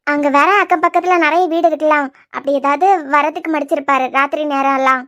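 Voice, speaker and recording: Cartoon role: frank young woman friend, voiced by a woman, Kanyakumari Tamil accent, very high, quick, earnest. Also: fairly even intonation, a bit bright, dull audio. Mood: chatty. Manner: earnest, coaxing, quick-talking. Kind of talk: cartoon web series voice acting.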